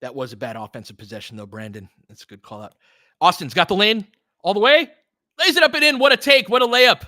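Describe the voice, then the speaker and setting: High-voiced and animated, a man talks fast with a sharp tone in a studio-quality recording free of echo. He hosts a basketball film-room audio stream, where he calls live play-by-play, offers casual analysis, chats informally with his audience, and roots for the players like a fan.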